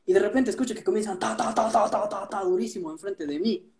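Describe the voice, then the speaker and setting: A man with an Ecuadorian accent, telling stories in an animated casual chat, restarting his sentences often. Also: sits high, quick pace. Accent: Ecuadorian Spanish. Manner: animated storytelling, many restarts.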